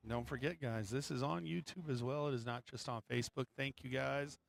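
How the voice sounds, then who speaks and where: Man, live-stream pool commentator, relaxed and joking, low gravelly voice, close dry sound. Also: fairly quick, dry recording. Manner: chatty, joking, apologetic asides to viewers. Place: pool hall.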